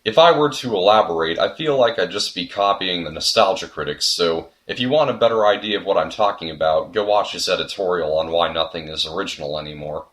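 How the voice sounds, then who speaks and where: A young man with a lowish voice delivers a scripted video essay. He sounds earnest and reflective, and now and then he breaks into a sudden comic outburst. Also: a little fast, few pauses, a bit bright. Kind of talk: scripted commentary narration.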